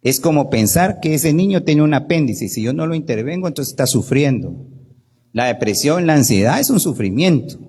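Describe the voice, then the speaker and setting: The speaker, a doctor, has a fairly high, slightly rough voice and talks at a normal speed. His workshop talk in Guatemalan Spanish is animated, sprinkled with "¿verdad?" and with imitations of whoever he's quoting.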